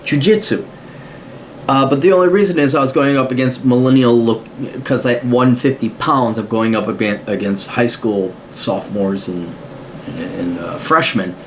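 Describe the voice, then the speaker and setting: Over slight background noise, a man with an American accent and a mid-range voice reads a listener's letter on his podcast and responds at a moderate pace. His casual advice is blunt and full of profanity, punctuated by mocking voices for asides.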